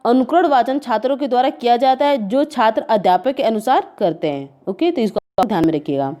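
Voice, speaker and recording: Mellow-voiced woman tutoring exam answers. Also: a little high, animated, brisk. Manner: addresses viewers as friends, repeats "okay" between points.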